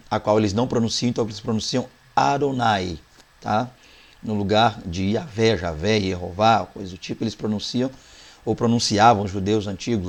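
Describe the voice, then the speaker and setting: Brazilian man teaching a Bible lesson. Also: mid-range voice. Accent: Brazilian Portuguese. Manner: explanatory, walks through Hebrew words one by one; talks to the class directly with "né" and "tá".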